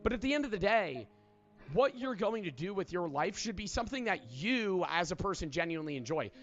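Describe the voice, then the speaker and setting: A man in his twenties, an online video creator, delivers an emphatic motivational monologue about living for yourself, swearing often. His high voice is sing-song, a bit bright and a little fast, and the played video sounds dull and lo-fi with soft music underneath.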